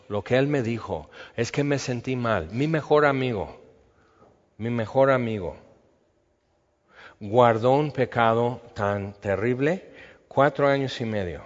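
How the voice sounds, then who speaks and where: Pastor preaching in a hall. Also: male voice, mid-range voice. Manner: animated storytelling, acting out scenes. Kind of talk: sermon. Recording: dull reverberant hall sound.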